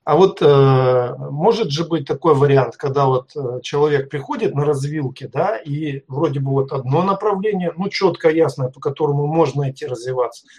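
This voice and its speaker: Мужчина с сиплым, чуть высоким голосом сбивчиво задаёт вопрос в прямом эфире, долго подбирая слова. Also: male voice, a little high, normal speed, hardly any pauses, darkish tone, husky. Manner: hesitant, searching for words. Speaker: viewer asking questions. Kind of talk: asking questions on a live call.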